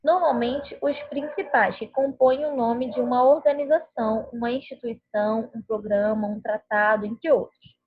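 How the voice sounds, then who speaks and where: A woman teacher talks through a recorded lesson in a patient, explanatory way, checking in often with her listeners. Her voice sits fairly high and a little husky. The sound is narrow and thin, like a phone line. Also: fairly even intonation, moderate pace, few pauses. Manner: patient, explanatory, frequent tag questions. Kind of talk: recorded online grammar lesson.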